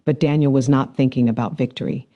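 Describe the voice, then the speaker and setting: A man narrating a science fiction story in a measured, dramatic storytelling manner. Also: mid-range voice, fairly even intonation, dull audio. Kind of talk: scripted narration.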